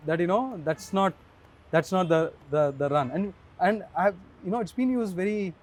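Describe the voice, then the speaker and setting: Man, interview guest, mellow tone, hesitant with restarts. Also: sits high, normal speed. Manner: hesitant, repeats words when starting a thought. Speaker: guest, runner. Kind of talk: conversational interview answers.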